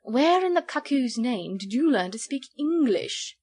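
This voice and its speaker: A woman's voice: mid-range voice, expressive, measured pace, husky. Foppish male English aristocrat, played by a woman reader: languid, inane, placidly good-humoured, storybook style. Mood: bewildered wonder. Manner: drawling, inane, affectedly bland. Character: foppish, lazily good-humoured English baronet, a tall man. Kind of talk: storybook character voice.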